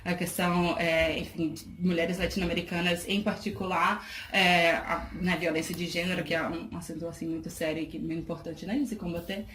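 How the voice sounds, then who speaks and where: A woman talks through her answers at an easy, reflective pace, pausing and restarting as she thinks. The room around her is echoey, with a faint hiss under the voice. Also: on the low side, level tone, a bit bright. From Salvador, Bahia, Brazil. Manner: thoughtful, many fillers and restarts, laughs easily. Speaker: guest, charity project worker. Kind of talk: casual interview talk.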